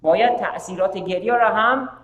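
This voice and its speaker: A man with a high voice delivers a sermon in a hall with a long, ringing reverb. He builds his points with rhetorical questions and repeated phrases. Now and then he switches between Persian and English. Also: a bit bright. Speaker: preacher hosting a live-streamed majlis. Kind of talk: sermon with announcements.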